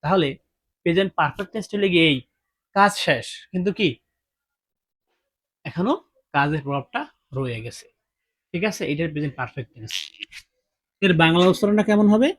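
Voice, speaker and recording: High-voiced man teaching English grammar. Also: animated, a little fast, pauses often. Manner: asks students questions and repeats points. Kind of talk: classroom-style grammar lesson.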